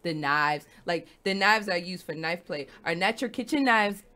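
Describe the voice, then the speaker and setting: A woman's voice: lowish voice, expressive, normal speed, bright, forceful tone. Frank, profane woman radio host. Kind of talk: casual radio talk.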